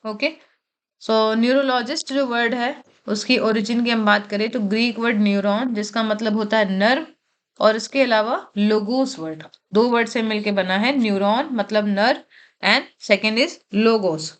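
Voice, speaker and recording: A woman with a slightly high voice teaching word roots in an exam-prep lecture. She talks in Hindi full of English terms, says each key word twice, and keeps asking questions and answering them herself. The delivery is steady and explanatory. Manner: explains slowly, repeats key words, asks and answers own questions.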